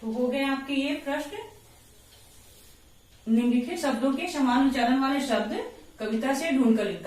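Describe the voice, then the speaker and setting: A woman school teacher giving a recorded lesson for children, slowly repeating each word and answer. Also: high-pitched. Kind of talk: slow recorded Hindi class lesson. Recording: very echoey room, voice from far off.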